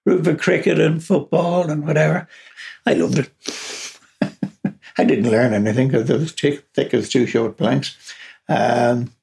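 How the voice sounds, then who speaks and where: This Irish man, raised partly in England, is a podcast guest telling casual personal stories in a rambling way, chuckling often and restarting sentences. His mid-range voice is creaky, husky and a little mellow, with a measured pace and long pauses.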